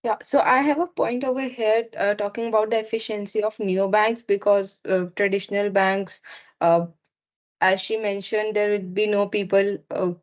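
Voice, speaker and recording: Brief: woman co-presenter on a video call, mid-pitched, tentative, filler-laden answers. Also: fairly even intonation, moderate pace. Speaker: seminar co-presenter. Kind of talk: answering questions in a seminar.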